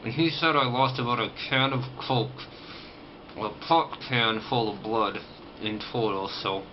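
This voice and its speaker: A dull, lo-fi recording with noticeable background noise carries a man's casual vlog talk. His voice sits at an average pitch. He speaks as someone with a stiff, sore jaw would. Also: unhurried. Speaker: vlogger recovering from jaw surgery.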